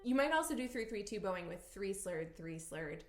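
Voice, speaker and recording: A woman teaching fiddle technique, explaining clearly and counting beats aloud. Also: mid-range voice, sing-song, normal speed, reverberant, over loud music. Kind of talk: instructional tutorial.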